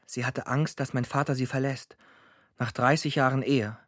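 A first-person narrator, a man playing a grown son, recalls his family's troubles in a radio drama, his lines short, dry and matter-of-fact. He speaks in a steady, mid-range voice close to everyday speech, at a moderate pace with no echo, over clear music.

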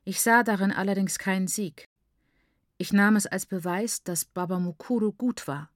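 A woman narrating a literary novel in the first person, in a measured, grave storytelling manner on a close mic. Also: medium pitch, no room sound. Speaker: audiobook narrator.

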